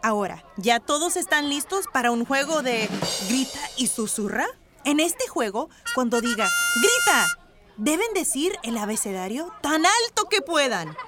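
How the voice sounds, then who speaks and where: A woman's voice: sits high, big pitch swings, measured pace. Encouraging woman hosting a kids' show. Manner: warm, encouraging, playful. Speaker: children's show host. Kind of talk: scripted presenting for children. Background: music.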